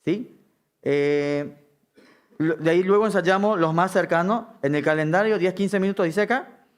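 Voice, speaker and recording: A middle-aged man teaching a live music-direction class, often checking that the room is following. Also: high-pitched. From Argentina. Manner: keeps checking understanding with a quick "¿sí?".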